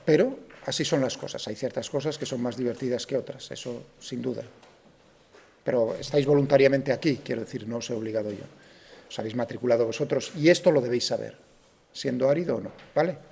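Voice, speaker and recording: Mellow-voiced Spanish teacher lecturing a class. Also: male voice, medium pitch, quick pace, vocal fry. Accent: Spain Spanish. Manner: keeps checking that students follow; poses students' objections and answers them. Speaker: physics teacher.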